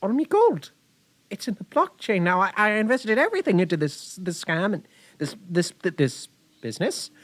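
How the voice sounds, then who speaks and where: Comedy sketch: a sly Irish leprechaun huckster, wildly animated pitch, smooth salesman patter. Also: normal speed, full character voice. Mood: panicked. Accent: put-on Irish. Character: scheming male leprechaun crypto hustler, sly and boastful.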